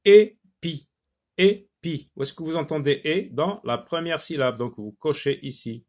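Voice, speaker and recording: A man teaching a phonics lesson to children, slowly repeating each word and stressing its syllables. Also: a little high. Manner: slow, deliberate, repeats words syllable by syllable.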